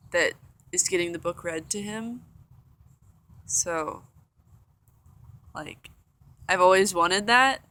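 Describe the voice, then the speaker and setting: A woman's voice: medium pitch, bright, forceful tone, slight background noise. A young woman vlogging from a room, telling a story in a chatty, rambling way full of fillers. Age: young adult. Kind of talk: casual storytelling vlog. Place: indoor room.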